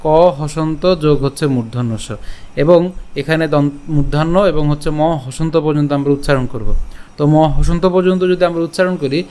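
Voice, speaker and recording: A man's voice: a little high, a little mellow. A man from Bengal teaching Sanskrit verse pronunciation, breaking words into syllables and checking in with the listener. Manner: slow syllable-by-syllable chanting of verses; patient, often asks "ঠিক আছে?". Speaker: Gita recitation teacher.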